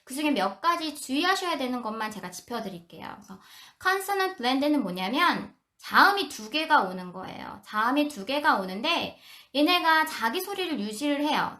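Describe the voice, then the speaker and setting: A woman teaching English phonics to parents on a live stream, explaining and slowly demonstrating sounds. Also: sits high, sharp tone.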